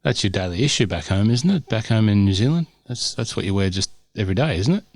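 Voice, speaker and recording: On a cold winter day, this podcast co-host joins remotely from home for a casual, upbeat chat full of jokes. He speaks fast and expressively in a lowish, slightly mellow voice, recorded dry with clean studio sound.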